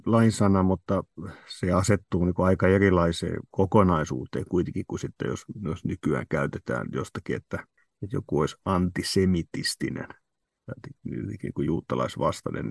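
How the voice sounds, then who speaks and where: A man's voice: deep voice, gravelly, husky, no echo, studio quality. A man hosting a podcast discussion, thinking aloud and often repeating words as he works through a question.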